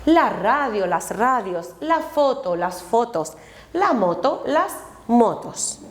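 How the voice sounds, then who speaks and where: A woman teaching a language lesson, slowly and deliberately modeling each word aloud for her students. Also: a little high, big pitch swings. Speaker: Spanish teacher. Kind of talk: recorded classroom lesson. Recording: echoey room.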